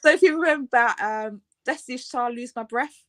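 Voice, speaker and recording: Her voice sits on the high side with a sharp tone and moderate pace, recorded at studio quality without any room sound. She's an English fashion designer in her thirties from Birmingham, a laughing, um-filled guest in a relaxed interview.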